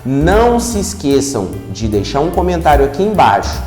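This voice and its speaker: A man's voice: on the high side, moderate pace, echoey room, in a large hall, faint music behind. Chatty Brazilian man teaching English. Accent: Brazilian Portuguese. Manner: relaxed and chatty, checks in with listeners. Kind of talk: online English lesson.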